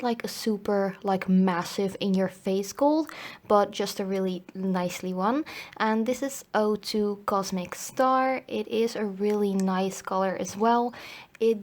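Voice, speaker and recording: A Dutch woman reviews nail polish in a casual voiceover, her medium-pitched, darkish voice a little cracky from an oncoming cold. She keeps things chatty and informal, hedging often.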